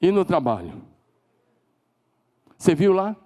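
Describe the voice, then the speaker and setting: A man with a Brazilian Portuguese accent preaching a sermon as pastor, emphatic, leading call-and-response and climbing to shouted declarations. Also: high voice, very animated, slow pace. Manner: leads the congregation in call-and-response.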